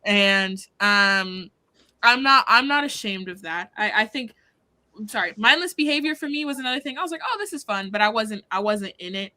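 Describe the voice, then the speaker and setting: A woman's voice: mid-range voice, lively intonation, moderate pace, bright, forceful tone, no room sound. A woman in her early twenties co-hosting a casual charity stream, chatty, candid and rambling. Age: 20s. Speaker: co-host.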